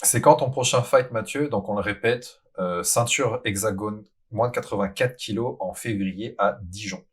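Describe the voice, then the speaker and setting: A man's voice: fairly low pitch, moderate pace, husky. A man hosting a casual live stream, chatting with a guest, reading out viewer questions and laughing often. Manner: laughs often, reads chat questions aloud. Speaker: host.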